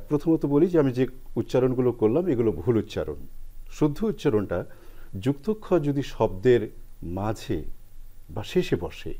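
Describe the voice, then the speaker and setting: A man's voice: mid-range voice, warm tone, lo-fi sound. A man explaining pronunciation rules as a guest expert on a TV language program, spelling out sounds step by step.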